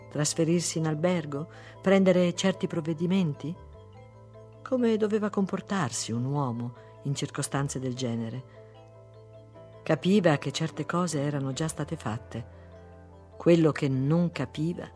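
A literary audiobook narrator reading in a measured, unhurried way. The voice sits at a middling pitch. Faint background music runs under the reading. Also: a little mellow.

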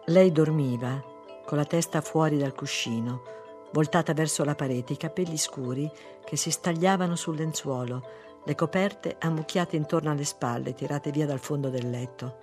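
A narrator reading a literary story aloud in a measured, unhurried way. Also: mid-range voice, darkish tone, soft background music.

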